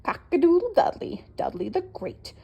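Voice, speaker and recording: A woman voicing a bad-tempered, jealous old male goose who scoffs and drops his voice to a low hiss. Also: animated, normal speed, a little mellow, slightly rough, muffled recording. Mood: scoffing.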